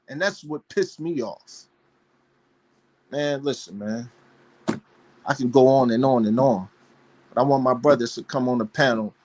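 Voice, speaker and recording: A man hosting a live panel show as a dog breeder, talking in a fervent, preachy way, with rhetorical questions and repeated phrases. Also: fairly high pitch. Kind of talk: casual passionate monologue.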